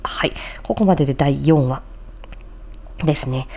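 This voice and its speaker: A woman with a low-sitting, darkish voice hosts a tongue-twister challenge at a moderate pace. Like a voice actor, she mixes carefully articulated, theatrical recitation with polite, chatty comments to the audience.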